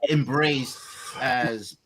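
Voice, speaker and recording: Heard through poor audio, the same sort of speaker, a Colombian man in his forties with a Spanish-inflected accent, talks in a mid-range, fairly bright voice and draws out his words. He's a thoughtful guest on a casual long-form podcast, pausing to search for what to say.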